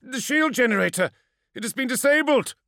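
A man voicing an excitable male sergeant officer who speaks in high, urgent exclamations. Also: quick pace, smooth, no echo, clean studio sound. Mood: alarmed.

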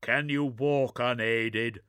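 A man voicing a cold, solemn armoured male warrior with a dry voice, slow and over-enunciating every syllable. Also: mid-range voice, fairly even intonation, fairly bright tone, clear, resonant tone, dry recording.

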